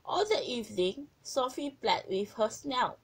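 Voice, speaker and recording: A woman's voice: fairly high pitch, big pitch swings, unhurried, breathy edge, dry recording, low-quality recording. Woman reading a children's story aloud. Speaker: narrator.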